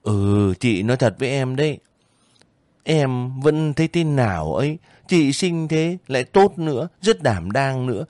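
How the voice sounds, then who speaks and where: A man voicing a lively, homesick young girl soldier who talks eagerly and breaks down in tears, in an audiobook reading. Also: mid-range voice, a little slow, no room sound, clean studio sound, pitched above the performer's own voice. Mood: chatty. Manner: chatty, emotional, breaks into crying.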